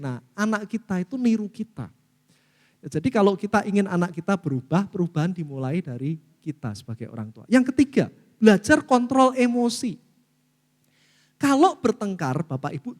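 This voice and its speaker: A middle-aged pastor preaching a sermon with an Indonesian accent, calling out to the congregation as he teaches. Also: high-pitched. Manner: lively preaching, often addresses listeners as saudaraku. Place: church hall. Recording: long reverb of a church hall.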